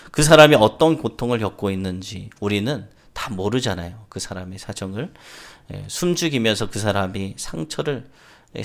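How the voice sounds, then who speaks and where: A male pastor preaching a sermon in a storytelling manner, often filling pauses with a quick "yes". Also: fairly low pitch, vocal fry.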